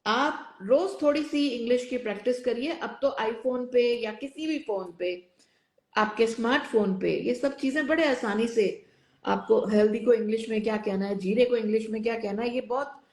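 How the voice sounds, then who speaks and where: A woman's voice: on the high side, moderate pace, a little mellow, roomy sound. A woman hosting a live online chat, encouraging her guests and mixing English phrases into her Hindi. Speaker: host of a live online show.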